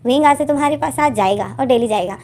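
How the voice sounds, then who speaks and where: A woman's voice: high-pitched, quick pace, a little mellow, slight background noise. A woman voicing a caring but scolding middle-aged mother in a read-aloud story. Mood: motherly.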